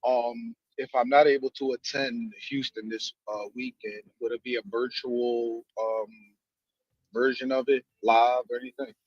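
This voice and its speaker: A man's voice: mid-range voice, little pitch movement, a little slow, husky, no echo. A man calling in with a question, hesitant in his speech. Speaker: caller. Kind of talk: casual question. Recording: dull, lo-fi call audio.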